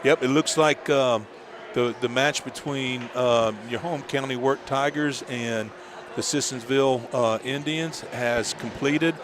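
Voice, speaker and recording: A man, a coach giving color commentary on wrestling, who talks in a halting, agreeable way. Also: mid-range voice, noisy background. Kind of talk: high school wrestling commentary. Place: school gym.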